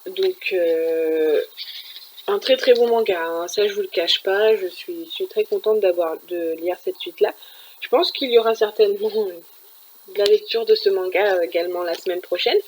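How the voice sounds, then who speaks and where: A woman chats at home about what she has been reading, her talk loose and full of little fillers and restarts. Her voice sits at an ordinary middle pitch. A faint background noise runs under the recording. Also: normal speed, a little mellow, poor audio. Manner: chatty, many fillers and restarts. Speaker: manga reviewer. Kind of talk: casual chat.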